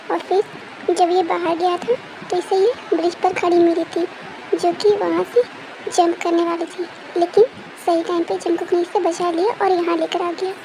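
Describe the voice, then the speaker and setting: A woman's voice: extremely high pitch, background noise. A woman voicing a caring motherly aunty who soothes and coaxes, but turns firm. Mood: explaining.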